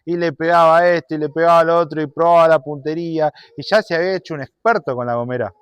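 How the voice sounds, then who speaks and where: A man preaching a sermon and telling a story, animated, shifting between loud and soft. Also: a little high, fast, clear, resonant tone, no room sound.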